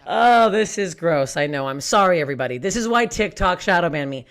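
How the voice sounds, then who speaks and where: A woman's voice: fairly low pitch, animated, brisk. A young woman from Canada doing a raunchy stand-up set online, brash and self-mocking, swearing often and laughing through her lines. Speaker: stand-up comedian. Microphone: streamed stand-up.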